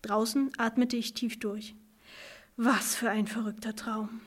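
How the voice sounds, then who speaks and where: Woman storyteller, calm, measured storybook reading, fairly high voice.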